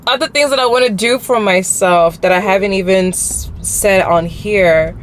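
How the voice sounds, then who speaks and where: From a car at night, with traffic passing, a young woman talks reflectively to a camera on the dashboard. Speaking at a normal pace in a mid-range voice, she is heartfelt and prayerful, repeating phrases to stress them, while heavy road and car noise make the audio rough.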